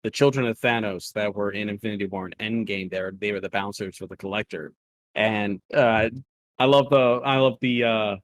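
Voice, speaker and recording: A man's voice: lowish voice, steady tone, moderate pace, no echo. A man co-hosting a casual review chat, rambling through points with frequent restarts and small chuckles at his own nitpicks. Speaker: co-host reviewing an animated episode.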